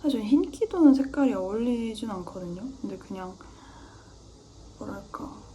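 A woman's voice: medium pitch, animated, moderate pace, mellow, slight background noise. Chatty young woman rambling through makeup. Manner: rambling, talks to herself, drops to near-whispers while concentrating. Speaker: beauty vlogger. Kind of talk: chatty get-ready-with-me makeup vlog.

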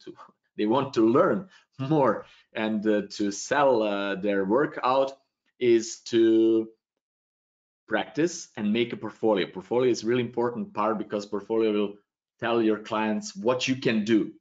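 A man in his thirties with a Serbian accent, thinking aloud in loose non-native phrasing as he answers questions in a live webcam tutorial from a small home room. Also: fairly low pitch. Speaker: webinar presenter answering questions. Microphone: webcam video call. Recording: dull lo-fi stream audio.

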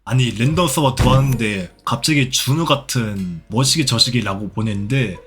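Over faint background music, a young Roblox streamer with a mid-range voice provides live gameplay commentary at a moderate pace. He scolds and mocks a rude player, leaning on sarcasm and dropping the occasional swear word.

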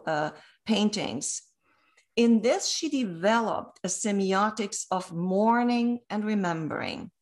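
Slow, low-voiced woman giving a lecture. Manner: measured, reads from prepared text with occasional fillers. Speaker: keynote speaker. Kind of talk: academic lecture over slides. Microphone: webcam on video call.

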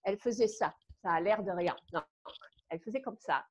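Joining a live video call from home as a guest dance teacher, a German-accented woman in her fifties from Germany shares personal stories. She speaks briskly in a husky, mid-range voice, animated and laughing between phrases with frequent hesitations, picked up by a webcam in muffled audio.

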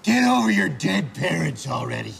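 A gravelly, sneering grown man, as a podcast co-host puts him on, taunting a masked hero with open contempt. His voice swoops high and low as he scoffs, rough and crackling at the bottom. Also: sing-song, moderate pace, fairly bright tone, exaggerated voice.

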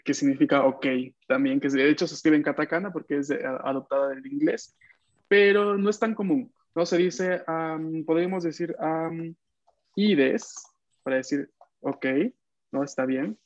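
A man's voice: on the high side, steady tone, normal speed. Patient male teacher on a video call. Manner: patient, repeats phrases for students to echo. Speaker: language teacher. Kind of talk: online class teaching. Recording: dull dry video-call audio.

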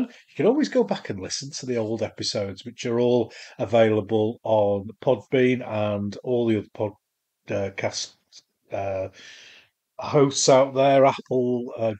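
A man's voice: medium pitch, darkish tone. A man with a Yorkshire accent chatting casually as a podcast host, in a rambling, self-deprecating manner. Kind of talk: casual chat.

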